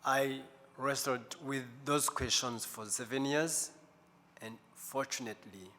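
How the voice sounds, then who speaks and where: A man in his fifties giving a deliberate, slow testimony talk as guest speaker at a church service, pausing often. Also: medium pitch, pushed and bright. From Rwanda. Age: 50s. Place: large church sanctuary. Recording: echoey church hall, faint room noise.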